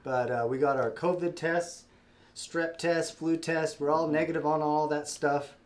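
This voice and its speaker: A man with a cold hosts a live sale, chatting casually on stream in a friendly, rambling way full of fillers and restarts. His stuffed-up voice is on the high side, with fairly even intonation and a slightly slow pace.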